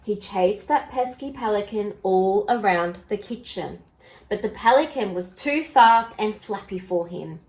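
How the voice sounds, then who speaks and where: A woman storyteller reads a children's picture book aloud with expressive delivery. Her voice is mid-range and her pace measured, though the audio quality is poor.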